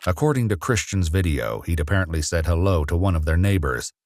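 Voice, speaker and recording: Deep-voiced man narrating true crime. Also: animated, a little hiss or hum. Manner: measured, serious.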